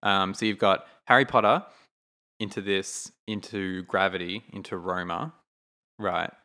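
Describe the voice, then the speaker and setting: A man's voice: sits low, fairly even intonation, unhurried, bright, forceful tone. A man co-hosting a film podcast, thinking aloud in a rambling, casual way with many fillers. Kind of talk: casual chat.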